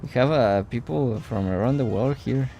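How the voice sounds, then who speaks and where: Warm and mid-range, this man's voice moves at a normal speed over soft background music. He's a non-native English speaker commentating live on a city-building game, puzzling things out aloud and saying hello to his chat.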